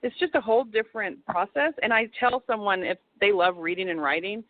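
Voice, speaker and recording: A woman's voice: medium pitch, fairly quick, slight background noise. A woman author chatting as an interview guest, rambling with lots of restarts and asides. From Texas. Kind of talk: casual phone interview. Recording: tinny phone line.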